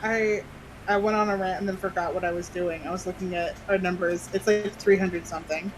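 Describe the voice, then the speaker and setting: A woman co-hosting a podcast in casual chat, quick to laugh and make sarcastic asides. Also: fairly low pitch, steady tone, a little hiss or hum, rough recording. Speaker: podcast co-host.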